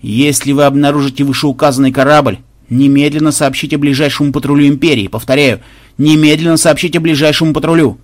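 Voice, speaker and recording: A man voicing the stiff, formal loudspeaker voice of an imperial flagship. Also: on the high side, steady tone, fast talker, dry recording, close to an everyday voice. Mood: commanding. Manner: formal, repetitive official commands.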